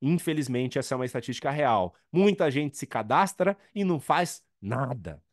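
A man's voice: mid-range voice, lively intonation, moderate pace, no echo, studio quality. A man with a Brazilian accent giving a motivational sales training talk, emphatic and repeating his key points. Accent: Brazilian Portuguese. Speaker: network marketing trainer.

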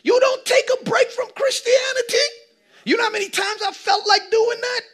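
Bright-voiced pastor preaching with shouts. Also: male voice, normal speed. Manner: animated preaching, shifting between loud shouts and low asides; casual, joking and acting out little scenes. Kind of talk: sermon. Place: church stage with a seated audience.

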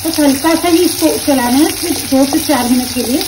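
A woman calmly explaining each step of a recipe while she cooks at her stove at home. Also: sits high, a little fast, far from the mic, background noise. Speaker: home cooking teacher. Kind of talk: step-by-step cooking instruction.

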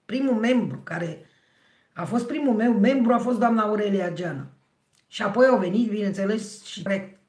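A middle-aged woman with a hoarse, husky voice, hosting a livestream and chatting with her viewers by name. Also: medium pitch, darkish tone. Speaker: livestream host. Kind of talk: casual livestream chat with viewers. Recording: roomy, echoey sound.

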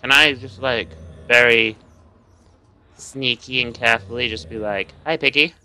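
Jittery swearing young man, bright tone. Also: mid-range voice, fairly even intonation, unhurried. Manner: nervous, swearing, laughing, talking to viewers. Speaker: gaming video host. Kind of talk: horror game let's play commentary.

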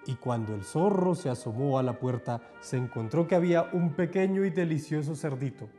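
A man telling a children's story in a lively, playful way. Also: fairly high pitch, brisk, soft background music.

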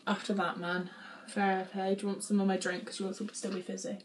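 A woman's voice: mid-range voice, level tone, brisk, a little hiss or hum. A young woman vlogging a food challenge, dramatic and giggly. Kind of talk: casual chat.

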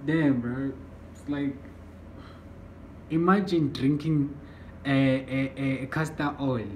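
A young man from the United States chats to his phone camera in an unhurried, drawling way, often trailing off mid-thought. His middle-pitched voice is recorded at arm's length in a small room that rings with echo, with a faint hiss behind it. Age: young adult. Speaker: vlogger. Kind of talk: casual vlog to camera.

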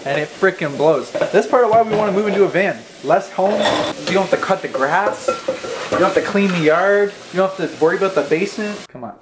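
A man's voice: high voice, a little fast. Teasing male vlogger with hiccups. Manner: teasing, joking. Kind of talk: casual vlog chat. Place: at home. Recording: noisy home vlog recording.

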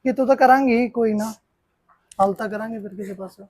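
A man's voice: high-pitched, a little mellow. An actor playing a protective, practical man who talks firmly and reassures. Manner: brisk, firm, reassuring. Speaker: protective elder brother figure. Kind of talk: Punjabi web-series acting.

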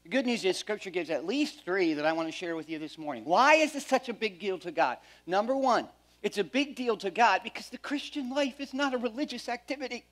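A middle-aged pastor preaches a sermon from a church stage, his voice sitting high and his pace brisk. He's animated, swinging between loud emphasis and quiet asides.

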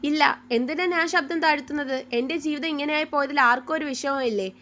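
A bitter young woman full of jealousy hurls sharp, resentful words in a story read aloud, as a woman narrator puts her on. Her voice sits high. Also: fairly quick, a little hiss or hum. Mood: resentful, shouting.

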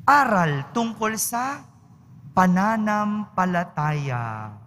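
A man, a priest, reading the gospel and preaching at Mass in a slow, measured, solemn way. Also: high voice, sing-song, pushed and bright, a little hiss or hum. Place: large church. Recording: echoey church hall.

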